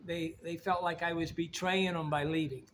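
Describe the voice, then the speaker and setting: A man's voice: a little high, little pitch movement, moderate pace, a bit bright, a little hiss or hum. A middle-aged man from Indiana talking in a rambling, blunt, folksy monologue, often repeating words as he goes. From Indiana, United States. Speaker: vlogger. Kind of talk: casual monologue to camera.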